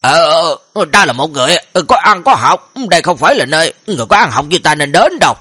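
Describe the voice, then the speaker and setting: A man playing a prim, timid young scholar in an audio story, stammering and hesitant. The voice is bright with a touch of huskiness. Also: fairly high pitch, big pitch swings, normal speed, slightly rough, heavily acted. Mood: flustered.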